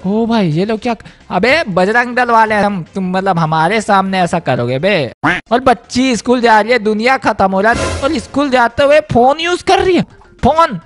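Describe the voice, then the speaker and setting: A man giving excitable, exclamatory commentary over a mobile game, often shouting out in surprise. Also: high voice, moderate pace, faint music behind. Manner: exclamatory, animated, repeating "o bhai sahab". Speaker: gaming YouTuber. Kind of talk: excitable Hindi let's-play commentary.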